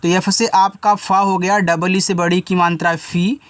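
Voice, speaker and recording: A man giving an English lesson step by step, patiently repeating each word and its meaning and spelling letters out slowly. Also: sits high, level tone, fairly bright tone, no room sound. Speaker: English teacher.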